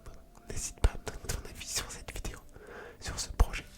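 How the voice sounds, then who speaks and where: A woman hosting ASMR in a soft, unvoiced library whisper, reading aloud and commenting casually. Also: brisk. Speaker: ASMR video creator and host.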